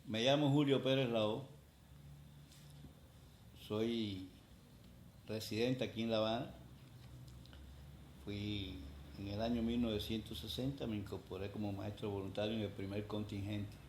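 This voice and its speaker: Older man, low voice, echoey. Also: steady tone, unhurried, long pauses, a little mellow. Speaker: interviewee, former volunteer teacher. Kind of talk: documentary interview testimony. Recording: echoey room with faint noise.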